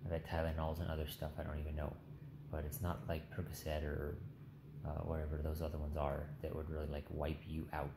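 A man in his thirties giving a casual, halting update in a weak, tired, subdued way after surgery, with a sore throat. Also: rumbling low, monotone, vocal fry. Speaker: patient vlogger. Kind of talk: casual recovery update, talking to camera. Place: small hospital room, lying in bed. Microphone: phone held at arm's length. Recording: roomy, noisy phone recording in hospital room.

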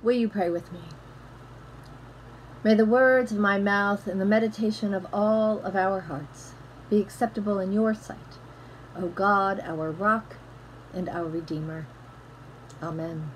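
Middle-aged woman pastor, gentle slow sermon on a webcam, soft noise behind. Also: medium pitch, steady tone, low-quality recording. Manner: gentle, measured, conversational preaching. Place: home room with bookshelves. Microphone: laptop webcam, close framing.

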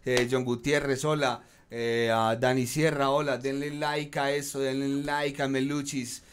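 A man's voice: mid-range voice, level tone, measured pace, slight background noise. A man, hosting a live studio interview and talking to his online viewers, at a studio mic. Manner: chatty, talks to online viewers. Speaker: host. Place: small studio, indoors. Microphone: studio mic on a stand.

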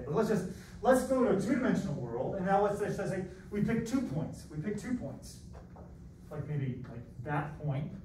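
Recorded by a far-off camera at the back of a roomy, echoing classroom with background noise, a masked middle-aged American man teaches college math to students. He is high-pitched, theatrical and self-deprecating, and his lecture keeps drifting into rambling tangents.

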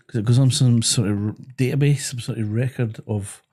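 A man hosting a podcast, chatting in an easygoing way and dropping in quick comments. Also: medium pitch, fairly even intonation, darkish tone. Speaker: podcast host. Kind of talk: casual chat.

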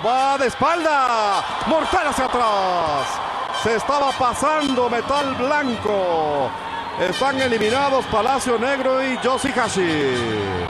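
A man with a Mexican accent calling a lucha libre match move by move as a television commentator. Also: sits high. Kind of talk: live sports commentary. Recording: noisy arena with crowd behind.

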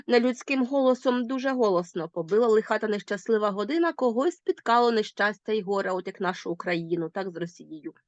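A woman's voice: mid-range voice, a little fast, hardly any pauses, no echo, dull audio. A woman with a Ukrainian accent teaching a recorded school lesson, asking her pupils questions as she goes. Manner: lively, addresses pupils directly with questions.

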